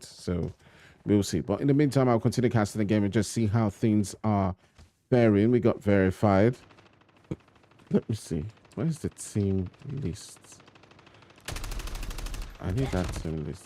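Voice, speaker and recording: With a fairly low pitch, a measured pace and long pauses, an esports caster calls live play-by-play of a mobile shooter tournament. He talks to viewers in long, running phrases with chatty side comments. There's slight background noise, and loud game gunfire and clicks fill the live stream behind his home streaming mic.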